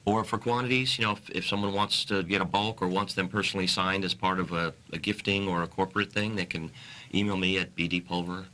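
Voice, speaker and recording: A man speaking as a guest author in an interview, earnest and halting, often restarting his sentences. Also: low-pitched, steady tone, sharp tone. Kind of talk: interview talk.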